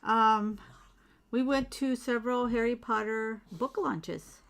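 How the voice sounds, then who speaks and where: Slow-talking chatty woman, faint noise. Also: on the high side, fairly even intonation, vocal fry, a bit bright, clear, resonant tone. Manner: chatty, rambling, reads out viewer comments. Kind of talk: casual livestream chat while beading. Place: home.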